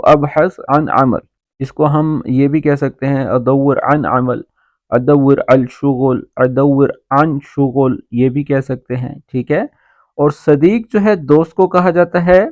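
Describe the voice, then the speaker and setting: A man teaches Arabic vocabulary in a slightly high voice. He explains each word step by step and keeps asking whether the listener follows. The recording is dry and close. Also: darkish tone, dry recording. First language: Urdu. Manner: explains each word, often checking "ṭhīk hai?". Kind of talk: vocabulary lesson.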